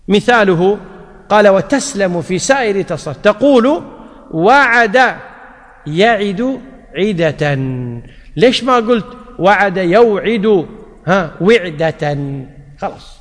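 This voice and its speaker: Guy teaching a grammar class, pretty high voice, poses questions then answers them, long echo on it. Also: a bit bright. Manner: explains step by step, asks rhetorical questions and answers them. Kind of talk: classroom lesson. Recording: long reverb.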